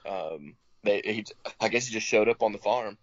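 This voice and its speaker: A man's voice: on the low side, normal speed, no echo, muffled recording. A man from Alabama, chatting casually as a podcast co-host, easygoing and agreeable, often restarting his sentences. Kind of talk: casual chat.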